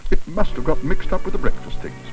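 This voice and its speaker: A man putting on an anxious, higher-voiced motherly woman. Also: expressive, brisk, distant mic, music in the background, natural voice, poor audio. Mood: apologetic. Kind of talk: children's storybook character voice.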